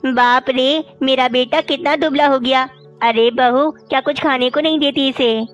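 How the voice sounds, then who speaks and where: A woman voices an elderly mother crow in a cartoon, meek and plaintive in her complaints. Her voice sits high, with soft music in the background. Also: steady tone, measured pace, lo-fi sound. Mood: fussing. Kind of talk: cartoon voice acting.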